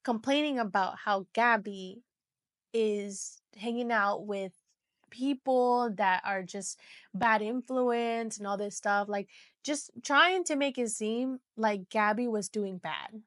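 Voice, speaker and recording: A woman's voice: a little high, a bit bright, no room sound. Chatty woman podcast host, dry sound. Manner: chatty, loose retelling with many "so" and "you know". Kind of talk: casual true-crime storytelling.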